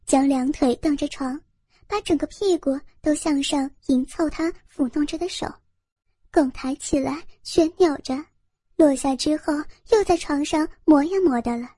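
A woman narrating a first-person story in a steady, intimate reading voice. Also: high voice, measured pace, no echo, studio quality.

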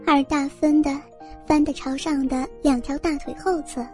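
A woman narrating a first-person story in a steady, intimate reading voice. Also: sits high, moderate pace, soft background music.

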